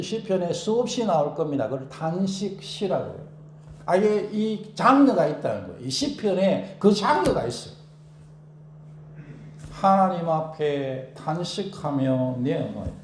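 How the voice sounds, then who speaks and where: A male pastor preaching a sermon in an animated way, acting out prayers and shouting for emphasis. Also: fairly high pitch, echoey room, a little hiss or hum. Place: church.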